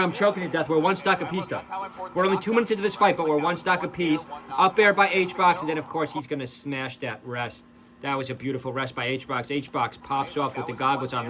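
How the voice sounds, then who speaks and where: High-voiced excitable male game commentator. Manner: excitable, rapid play-by-play mixed with chatty asides to viewers. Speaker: esports commentator and channel host. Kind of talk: casual play-by-play commentary over match footage.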